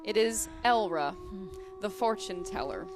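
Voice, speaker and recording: Young woman game master telling the story slow with lots of pauses, music behind her. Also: medium pitch, expressive. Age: young adult. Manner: measured, pausing between phrases. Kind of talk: dramatic tabletop game narration. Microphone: headset. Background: background music.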